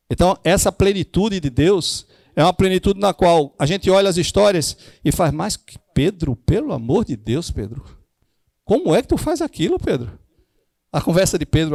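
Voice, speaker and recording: Male church teacher with a Northeastern Brazilian accent, preachy, slightly high and gravelly, dry close mic. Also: a little mellow, dry recording. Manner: preachy, acts out dialogue. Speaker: discipleship teacher.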